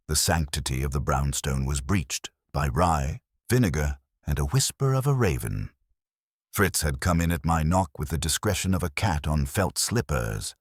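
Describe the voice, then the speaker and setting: Telling a detective story in the first person, this audiobook narrator has an extremely deep, slightly rough voice. His wry, hard-boiled reading carries lively intonation, and the audio is close and dry, with no room sound at all.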